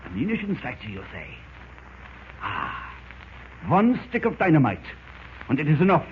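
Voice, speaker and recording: In 1940s radio acting, a male voice portrays a scheming, grandiose German spymaster with a formal, deliberate accent. The pitch swoops wildly between hushed menace and gloating, and the recording is dull, scratchy and noisy.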